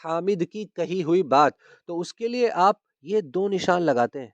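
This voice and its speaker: A man's voice: high-pitched, expressive, no echo, highs cut off. A man teaching a grammar lesson, patiently repeating key terms and checking that his students understand. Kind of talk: grammar lesson explaining punctuation.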